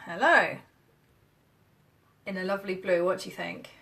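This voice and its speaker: A woman's voice: on the low side, normal speed, vocal fry, pushed and bright. A woman from the UK, a marketing coach, chatting upbeat and casual on a live stream while demoing on screen. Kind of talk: casual Facebook Live chat.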